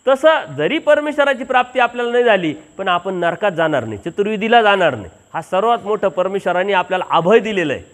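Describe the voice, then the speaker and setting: High-voiced man preaching at a village satsang. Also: expressive, fast talker, hardly any pauses. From Maharashtra. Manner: acts out the dialogue of the people in his story, earnest and homely. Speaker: Mahanubhav preacher. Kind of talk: village satsang sermon with storytelling.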